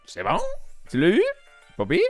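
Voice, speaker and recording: A man's voice: mid-range voice, huge pitch swings, moderate pace, faint music behind. A young man with a Québécois accent, chatting casually and teasing his viewers while streaming a quiz game, laughing often. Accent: Québécois French. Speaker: Twitch streamer. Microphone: desk microphone.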